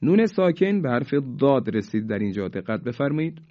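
A man teaching tajweed. He explains each rule quickly, then recites the examples slowly and drawn out. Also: medium pitch, sing-song. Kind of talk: tajweed lesson. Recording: dull lo-fi recording.

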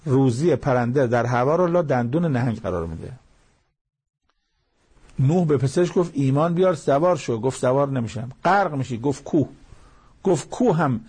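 A man delivering a sermon that explains scripture. His voice is gravelly and husky, with a warm, mellow tone. He moves between recited Arabic verses and plain storytelling to make his points. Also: mid-range voice. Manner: recites Arabic verses and tells moral anecdotes. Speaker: preacher. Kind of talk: sermon with Quran commentary.

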